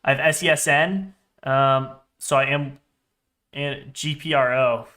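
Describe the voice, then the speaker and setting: A man's voice: medium pitch, fairly even intonation, a little slow, pushed and bright. A man in his twenties giving casual live trading commentary, restless and sweary, muttering to himself as he goes. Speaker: day trader livestreamer.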